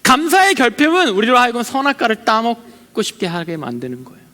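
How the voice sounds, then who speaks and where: A man's voice: very high-pitched, huge pitch swings, fairly quick, bright, forceful tone. A young adult man, a junior pastor, giving a sermon at a young adults service. He talks conversationally, tells personal stories, and acts out quoted complaints and prayers. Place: church hall. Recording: long hall reverb.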